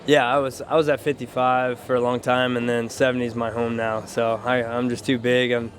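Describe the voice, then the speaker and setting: A man's voice: mid-range voice, flat delivery, a little fast. A man who is a fighter, answering interview questions casually in a modest, matter-of-fact way. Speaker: professional MMA fighter.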